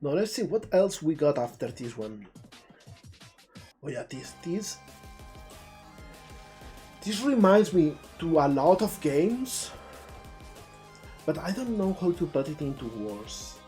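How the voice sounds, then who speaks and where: Over background music, this mid-range voice sounds dark and very animated, moving slowly and pausing often. The speaker is a native Spanish speaker with an Andalusian accent from southern Spain, giving loose, chatty live-stream commentary on game trailers.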